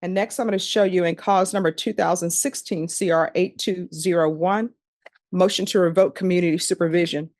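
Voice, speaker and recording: A woman judge in a courtroom recording, formally reading case numbers and charges in a measured, procedural way. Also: on the low side, steady tone, a little mellow, no echo. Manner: measured, procedural, repeats formulaic questions.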